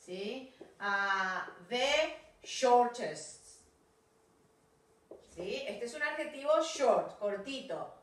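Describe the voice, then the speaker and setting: A woman's voice: medium pitch, lively intonation, takes it slowly, fairly bright tone, distant mic. A woman teacher with a Rioplatense Spanish accent giving recorded class feedback, correcting pupils and often checking that they follow. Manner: corrective, keeps checking for understanding. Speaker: English teacher. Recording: echoey room, voice off-mic.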